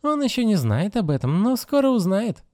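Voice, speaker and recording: A man voicing a defiant teenage girl, high and lively. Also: normal speed, no echo, studio quality. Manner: defiant, insolent.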